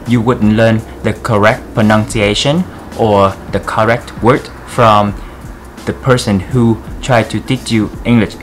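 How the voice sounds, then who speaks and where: A man from Vietnam with a thick Vietnamese accent, speaking earnestly to camera in simple, broken English to encourage others. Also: medium pitch. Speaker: vlogger. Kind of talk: encouraging vlog talk to camera.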